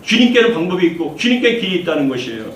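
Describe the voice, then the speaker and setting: Male pastor, fervent sermon, high voice, echoey church hall, distant mic. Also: sing-song, very fast, slight background noise. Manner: fervent preaching, repeating phrases, leading congregation in reading. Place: church sanctuary.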